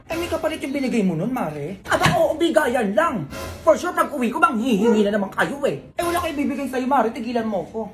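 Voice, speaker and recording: A woman performing comic sketches, bantering and teasing in a gossipy way. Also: fairly high pitch. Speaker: comedy skit performer.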